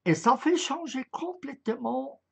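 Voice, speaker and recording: A man's voice: very high-pitched, lively intonation, unhurried, gravelly, breathy edge. A man giving an explanatory lecture on a writing system, hesitant and full of filler sounds, spelling out letter sounds one at a time. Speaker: lecturer on Arabic script. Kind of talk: slow explanatory online lecture.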